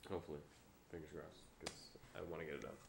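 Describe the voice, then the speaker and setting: A young man who is sick with a stuffy nose, giving a low-key, hesitant, rambling vlog update into a webcam. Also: little pitch movement, fast talker, vocal fry, background noise. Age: young adult. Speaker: vlogger and amateur filmmaker. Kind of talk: casual, unscripted update vlog. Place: small room indoors. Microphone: webcam or laptop mic at arm's length.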